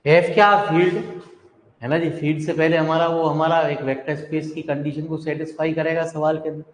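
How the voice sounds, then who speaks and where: A male math teacher giving a classroom lecture, speaking slowly and repeating himself while dictating notes to his students. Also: fairly high pitch, little pitch movement. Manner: slow and repetitive, dictating notes, affectionate address to students. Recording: echoey hall.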